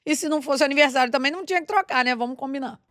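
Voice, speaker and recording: A woman's voice: high voice, racing, background noise. A woman with a Brazilian Portuguese accent commenting on a video in emphatic, opinionated asides. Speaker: commentator host.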